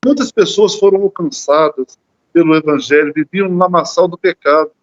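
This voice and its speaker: A man's voice: fairly high pitch, moderate pace, lo-fi sound. A man with a Brazilian Portuguese accent giving an earnest Bible study talk in a church, often repeating words as he searches for them. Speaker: lay preacher.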